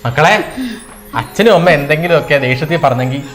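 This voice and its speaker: A man's voice: a little high, fast, fairly bright tone, faint music behind, natural voice. A man with a Malayali accent playing a bossy, mocking father-in-law in a comedy sketch. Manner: mocking, scolding. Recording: roomy echo.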